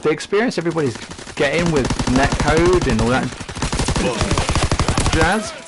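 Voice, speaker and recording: A man's voice: fairly high pitch, expressive, normal speed, background noise. Rambling man streaming a shooter game. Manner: rambling, chatty, many fillers. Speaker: gaming live streamer. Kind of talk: casual commentary while playing. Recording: game gunfire audible behind voice.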